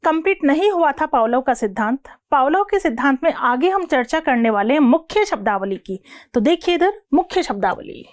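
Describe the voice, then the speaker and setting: A woman teacher giving a lecture, asking her students questions and repeating the definitions slowly, word by word. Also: sits high, lively intonation, no echo, studio quality. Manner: repeats and asks the class questions; slows down to read definitions word by word. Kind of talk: classroom lecture.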